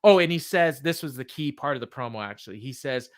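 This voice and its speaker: A man with a mid-pitched voice gives a casual podcast recap. He works from memory in a halting way, doubling back and paraphrasing as he goes. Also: expressive. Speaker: wrestling podcast co-host.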